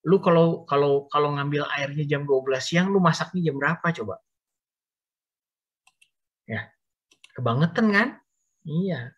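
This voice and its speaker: Husky man giving a chatty sermon. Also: a little high, unhurried, pauses often, fairly bright tone. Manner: chatty, addressing the listeners directly. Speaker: youth service speaker. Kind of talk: casual storytelling sermon. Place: home, online call. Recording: dull Zoom audio.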